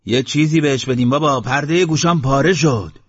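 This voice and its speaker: A man's voice: medium pitch, expressive, breathy edge, voice pushed up. A man voicing an irritable, exasperated male villager, on a dull lo-fi audiobook recording.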